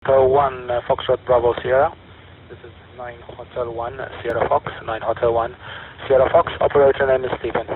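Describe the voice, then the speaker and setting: A man's voice: mid-range voice, flat delivery, fairly quick. Man over static-filled radio. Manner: brief, clipped call-sign phrasing. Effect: radio transmission with room static. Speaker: amateur radio operator checking in. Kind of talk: casual radio net check-in. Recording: tinny radio link with clear static hiss.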